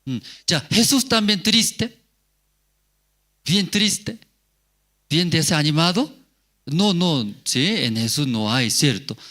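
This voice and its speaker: A man's voice: on the high side, animated, takes it slowly, pauses often, bright, forceful tone. A male pastor giving a sermon, asking the congregation rhetorical questions and repeating key words.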